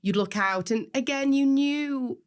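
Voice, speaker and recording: A woman's voice: sits high, a little slow. A woman from Stoke in her forties, talking casually as a podcast guest and laughing easily through her stories. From Stoke-on-Trent, England. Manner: chatty, laughs while telling stories. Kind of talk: casual conversational interview.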